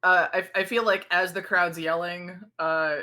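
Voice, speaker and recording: A woman playing in a tabletop game, chatting in quick, giggly banter. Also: fairly low pitch, little pitch movement, pushed and bright. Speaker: player. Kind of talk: casual tabletop play.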